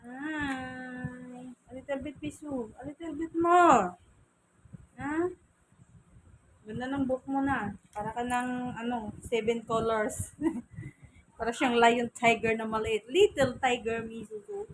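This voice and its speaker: Drying her cat at home beside a fan, a Filipino-accented woman who vlogs about her pet coos and teases it in baby talk. She speaks slowly with frequent pauses in a highish voice, on a low-quality recording with slight background noise.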